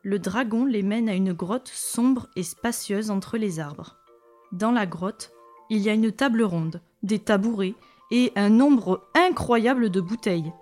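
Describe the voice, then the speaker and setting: A woman reading a children's story aloud in a lively, expressive way. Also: medium pitch, unhurried, faint music behind.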